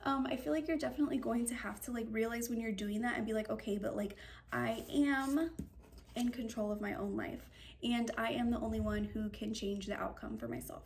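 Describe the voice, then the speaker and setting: A woman's voice: fairly high pitch, fairly even intonation, fast talker, gravelly, a little mellow, slight background noise. A young woman giving a casual tarot reading, chatty and upbeat, with lots of fillers as she rambles. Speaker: tarot reader.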